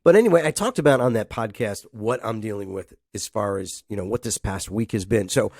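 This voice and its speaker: A fairly low, darkish-toned man talks briskly on his casual solo podcast, sounding nasal from a head cold. He rambles, chuckles often and acts out phone calls, recorded in a clean studio with no room sound.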